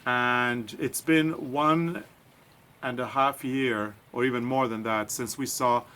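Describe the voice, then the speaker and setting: Male podcast co-host, mid pitch, relaxed rambling chat, slight background hiss. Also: slow. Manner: chatty, meandering, with many fillers and restarts. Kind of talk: casual chat.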